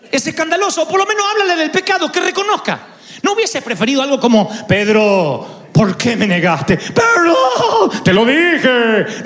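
Speaking in a very high, slightly bright voice, an Argentine-accented preacher tells a comic story from his own life. He brings the anecdote to life with playful impressions of its characters.

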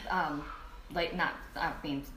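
A woman's voice: low voice, fairly even intonation, takes it slowly, bright, forceful tone. Chatty woman in a big echoey room. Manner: chatty, laughs often while talking. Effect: echoey room sound from a faulty mic setup. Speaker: podcast co-host. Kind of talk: casual chat. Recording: echoey room, faint noise.

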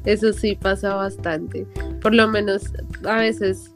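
A woman's voice: medium pitch, fairly even intonation, takes it slowly, soft background music. A young woman hosting a casual podcast chat, talking freely, agreeing often and laughing easily.

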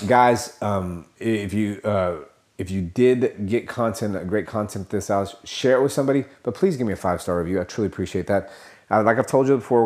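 A man's voice: lowish voice, a little mellow. A man hosting a podcast alone, giving car sales advice in a rambling, filler-heavy way, often correcting himself and calling his listeners guys. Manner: motivational, addresses listeners as guys. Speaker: podcast host. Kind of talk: casual podcast monologue.

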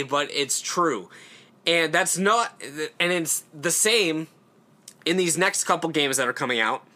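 A man's voice: a little high, bright, forceful tone. A young man hosting his own channel, talking casually and rambling about games in a loose, conversational way with fillers and the odd swear. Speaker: horror channel host. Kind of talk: casual solo commentary.

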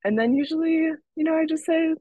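A woman's voice: sits high, fast talker, dark tone, dry recording. A woman from Russia, a therapist guest, chatting casually and laughing often. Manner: chatty, laughs often, lots of fillers and restarts. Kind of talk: casual interview.

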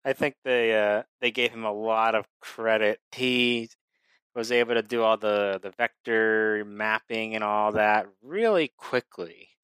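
Low-ish guy, crisp bright voice, deadpan jokes, dry room. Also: a little slow, no echo. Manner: laid-back, wry, deadpan asides. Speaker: podcast co-host. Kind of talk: casual movie chat.

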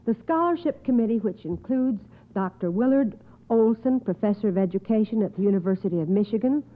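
Speaking a little fast with lively intonation in a mid-range voice, a woman hosts an old radio quiz show. She affirms contestants with courteous, schoolteacherly manners and precise enunciation, and the old recording is muffled and phone-like.

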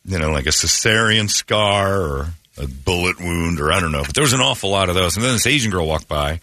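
A man's voice: low-pitched, expressive, brisk, bright, forceful tone, dry recording. A man hosting a radio talk show, giving blunt, opinionated rants in casual studio chat.

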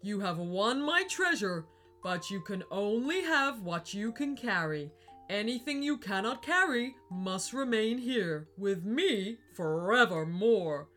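A woman voicing a proud, ghostly male Viking warrior in a storybook reading, speaking slowly and booming. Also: animated, fairly bright tone, soft background music. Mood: solemn. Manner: slow, booming, solemn.

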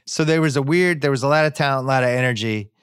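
A man's voice: mid-range voice, quick pace, clean tone, dry recording. Dry-sounding man riffing on old games. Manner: conversational, animated storytelling with wry asides. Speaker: podcast host. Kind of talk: casual sports chat.

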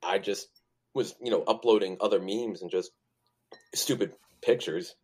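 A man's voice: fairly low pitch, normal speed, darkish tone, husky. A man co-hosting a podcast in casual chat, with a joking, irreverent way of talking. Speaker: podcast co-host.

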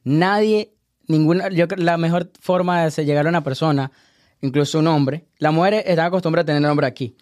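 An animated man lectures on dating in a casual podcast chat, laughing often. His voice sits fairly high. It is recorded dry and close, with no room sound. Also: fairly quick, no echo. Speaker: dating advice guest.

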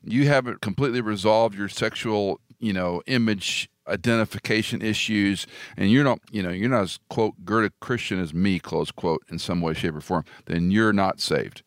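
Hosting a theology talk show on the radio, this man makes his case with emphasis and repeats phrases rhetorically to build each point in a conversational discussion. He speaks at a fairly low pitch and a normal speed, with few pauses, in clean studio sound with no room sound.

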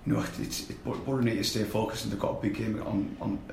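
A man with a croaky voice, a guest on a casual football podcast, talking haltingly with many repeated words. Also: on the low side, a little hiss or hum. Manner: hesitant, repeats words, flat delivery. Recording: echoey room with faint ambience.

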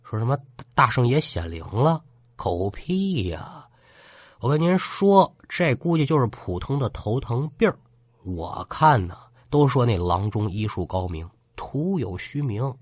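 A man's voice: medium pitch, sing-song, unhurried, breathy edge, no echo, studio quality. A man playing a brash, scornful young man. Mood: mocking. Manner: cocky, mocking, blustering.

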